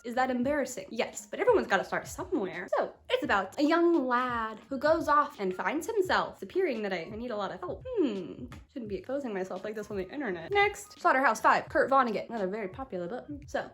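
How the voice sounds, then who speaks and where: A woman's voice: fairly high pitch, a bit bright. A woman book vlogger in casual chat, playful and full of jokey self-mocking asides.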